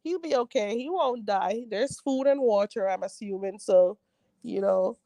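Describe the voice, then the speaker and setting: With a stuffy nose making her a little nasal, a woman hosts a laid-back livestream and reads out her viewers' chat messages. She's blunt and quick to laugh, with a warm, mid-range voice and an unhurried delivery, captured dry.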